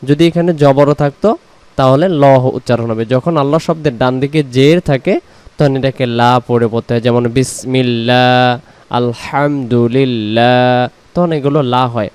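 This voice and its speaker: A man teaching word-by-word Quran recitation, explaining pronunciation and slowly drawing out each word. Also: medium pitch, fairly even intonation, darkish tone. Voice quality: very clear voice.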